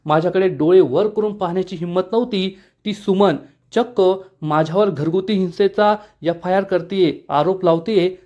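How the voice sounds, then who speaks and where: A man with a high voice tells a serial episode as a dramatic story, speaking straight to his viewers. The recording sounds dull and lo-fi. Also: a little mellow. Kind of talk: scripted dramatic recap narration.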